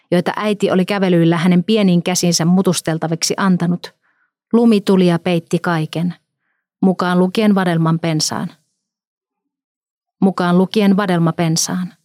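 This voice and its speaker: A woman narrating a story in a calm, measured reading. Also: on the low side, no echo, studio quality.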